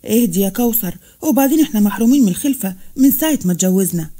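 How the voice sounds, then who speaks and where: A woman voicing a kindly, hopeful childless husband, speaking calmly and gently with an Egyptian Arabic accent. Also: medium pitch, rapid-fire, close to an everyday voice. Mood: earnest.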